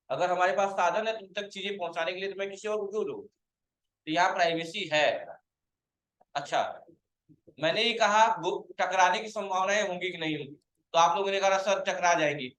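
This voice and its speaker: A man's voice: sits high, fairly quick, a bit bright, reverberant, low-quality recording. A male computer teacher giving a classroom lecture, quizzing his students, calling them to stand and scolding those who have not understood.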